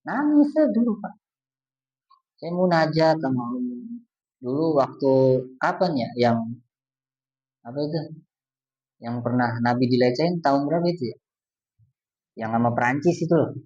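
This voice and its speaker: A man's voice: a little high, animated, moderate pace, pauses often, darkish tone. A man preaching a casual, colloquial sermon to a congregation, earnest and speaking directly to his listeners. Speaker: Islamic preacher. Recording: distant dull lo-fi recording.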